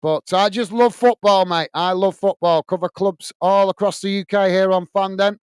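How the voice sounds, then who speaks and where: In a high-pitched voice with fairly even intonation and normal speed, this Bolton host, Lancashire accent and all, calls a football match live and reads out viewer chat, calling people "mate" between "uh"s. The audio is smooth and echo-free, recorded through earphones and a desk microphone in the north of England.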